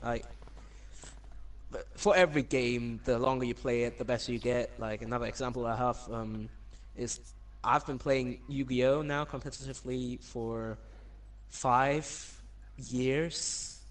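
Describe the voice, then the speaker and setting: A man's voice: mid-range voice, steady tone, measured pace. A man chatting casually as a podcast guest, talking in an informal, anecdotal way. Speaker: podcast guest, competitive gamer. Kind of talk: casual chat.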